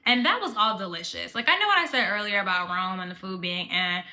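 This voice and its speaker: A woman's voice: medium pitch, lively intonation, a little fast, sharp tone. A woman vlogger casually recapping her trip in a chatty way, often saying "like". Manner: chatty, fills speech with "like". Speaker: travel vlogger.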